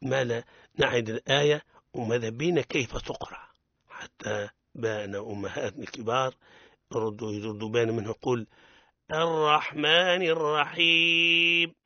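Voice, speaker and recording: A man with a Tunisian accent teaching Quran recitation on the radio, explaining rules and chanting verses slowly for learners to repeat. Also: medium pitch, fairly even intonation, fairly bright tone, no room sound, lo-fi sound. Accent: Tunisian Arabic.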